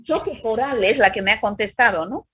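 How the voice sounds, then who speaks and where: A woman's voice: fairly high pitch, a little fast, a crowd in the background. A woman teaching a university microbiology class over a video call, quizzing students by roll call in a stern, scolding way.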